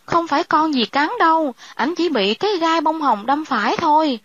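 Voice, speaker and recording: A woman's voice: sits high, animated, normal speed, a bit bright, dry recording, highs cut off, pitched above the performer's own voice. A woman voicing a panicky, stammering young woman. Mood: panicked.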